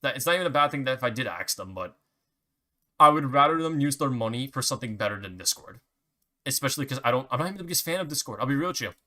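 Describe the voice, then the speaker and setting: A man's voice: medium pitch, lively intonation, rapid-fire, bright, forceful tone. A young man ranting casually to camera, swearing often and restarting his sentences. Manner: profane, rambling rant with many restarts. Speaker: vlogger.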